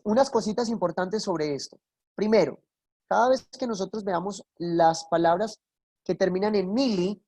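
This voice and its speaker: A Colombian woman teaches an online English class, encouraging her students and breaking pronunciation down step by step with lots of examples. Her fairly low voice is a little mellow and sounds close and dry, with no room sound at all.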